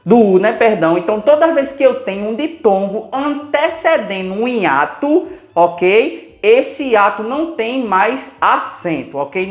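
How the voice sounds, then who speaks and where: A woman with a Brazilian Portuguese accent teaching an exam-prep grammar lesson, posing students' questions to herself and slowing down to spell out example words. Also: on the high side, reverberant. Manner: didactic, asks herself students' questions and answers them.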